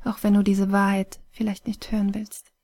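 Gentle fading phoenix spirit read by a woman, weary and wise, soft mellow tone, even flat delivery, audiobook. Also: mid-range voice, normal speed, close to an everyday voice. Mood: gentle, sorrowful. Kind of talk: audiobook story reading.

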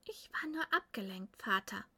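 A woman's voice: high-pitched, animated, slow, voice pushed up, exaggerated voice. A woman voicing a defiant teenage Viking girl in a storybook reading, frustrated and full of self-doubt.

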